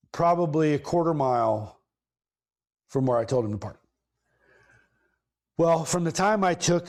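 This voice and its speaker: A man, hosting a podcast and telling a long casual story, rambling and correcting himself as he goes, with lively bursts of emphasis. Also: medium pitch. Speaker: podcast host.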